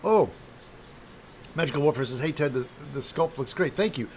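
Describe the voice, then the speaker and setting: A man with a moderately high voice hosts a casual craft stream from an indoor workspace. He sounds slightly hungover and phlegmy, talking in a distracted, halting, apologetic way as he chats to viewers. Steady noise is clearly audible behind him. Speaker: livestream host, craft demonstrator. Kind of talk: casual livestream chat while working and greeting viewers.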